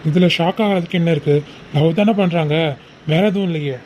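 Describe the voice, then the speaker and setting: A woman puts on a deep, lowered voice for an easygoing older male relative in a cartoon. He speaks plainly and unbothered. The sound is slightly muffled with faint hiss. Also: a little fast, mellow, natural voice. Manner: easygoing, matter-of-fact. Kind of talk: homemade animated cartoon dialogue.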